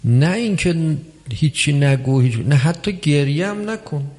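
A man preaching a religious sermon, measured and emphatic, with long pauses between phrases. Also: on the high side, expressive, a little mellow. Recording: long hall reverb.

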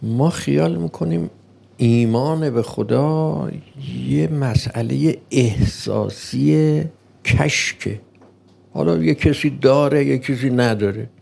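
Gravelly-voiced man preaching slowly. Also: medium pitch, darkish tone. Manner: slow and deliberate, with rhetorical questions; acts out an imagined opponent's voice. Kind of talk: sermon.

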